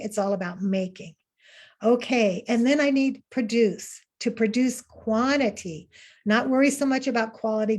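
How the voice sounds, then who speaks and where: Art teacher, woman, mid-pitched, encouraging and chatty on a video call webinar. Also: a little mellow. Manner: upbeat, encouraging, with fillers and restarts. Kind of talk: webinar lesson.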